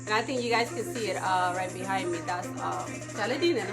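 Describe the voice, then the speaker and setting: A woman's voice: medium pitch, fairly quick, vocal fry, music in the background. A woman from Ethiopia, hosting a casual live stream and often checking in with her viewers. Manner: chatty, often checks in with "okay?". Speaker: livestream talk show host.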